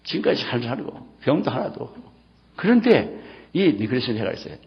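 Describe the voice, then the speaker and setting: A middle-aged pastor preaches with passion, his gravelly voice rising high and dropping into hushed, almost whispered lines. His pitch roams widely as he pleads and exclaims. The sermon comes through a dull, muffled lo-fi recording. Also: sing-song, fairly quick. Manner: impassioned, swinging between loud exclamations and hushed near-whispers.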